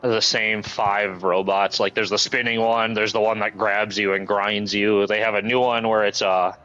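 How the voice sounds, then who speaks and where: Brief: relaxed male streamer, bright tone, rambling chat, lo-fi mic. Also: on the low side, moderate pace. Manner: laid-back, rambling, laughs often. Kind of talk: casual chat while gaming.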